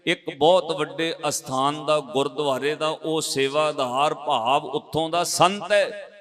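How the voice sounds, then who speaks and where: A man's voice: fairly high pitch, unhurried, fairly bright tone. A male Sikh preacher telling a moral story in a sermon, emphatic and repetitive, speaking to the congregation.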